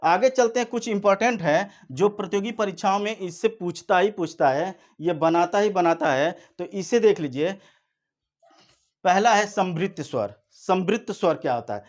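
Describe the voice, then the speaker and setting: A man teaching an exam-prep lesson, explaining slowly and repeating points, drawing out vowel sounds to demonstrate them. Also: high voice, expressive. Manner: slow, repetitive explaining, drawn-out vowel demonstrations.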